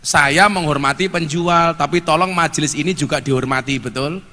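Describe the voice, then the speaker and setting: A male preacher, his voice high and piercingly bright. He jokes and scolds the crowd in an animated sermon, and the sound rings with the long reverb of a public address system. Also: normal speed. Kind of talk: live sermon to a gathering.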